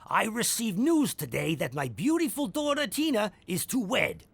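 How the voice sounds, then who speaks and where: An actor voicing a sentimental, crude old mob boss in a cartoon. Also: male voice, high voice, very animated, normal speed, vocal fry, breathy edge, no room sound, heavily acted. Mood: grandiose.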